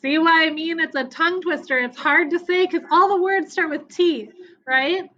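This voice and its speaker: A woman's voice: very high-pitched, normal speed, fairly bright tone. A woman teaching young children in an online class, upbeat and encouraging, over a video call. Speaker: elementary school teacher. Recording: dull lo-fi video call audio.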